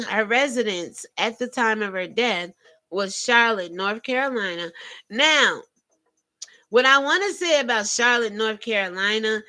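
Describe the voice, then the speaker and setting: A woman's voice: fairly high pitch, pushed and bright. A woman hosting a live call-in show, giving informal, emphatic commentary and speaking directly to her listeners.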